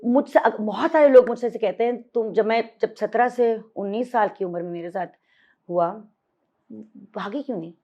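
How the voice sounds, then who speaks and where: A woman's voice: on the high side, normal speed, mellow. Reflective woman, dull recording. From Pakistan. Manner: reflective, switches between Hindi-Urdu and English, emphatic repetition. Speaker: podcast guest. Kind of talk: candid interview conversation.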